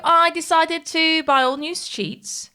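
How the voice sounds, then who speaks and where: A woman, co-hosting a podcast in a studio, chatty and teasing and quick to laugh. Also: very high voice, steady tone, sharp tone. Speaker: podcast co-host. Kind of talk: casual chat.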